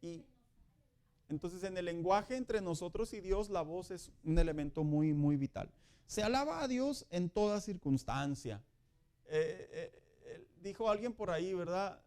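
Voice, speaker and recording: A middle-aged pastor gives a Sunday school sermon. He talks to his listeners as brothers and sisters and jokes as he goes. His voice sits high for a man. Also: a little slow. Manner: lively, joking preacher addressing "hermanos".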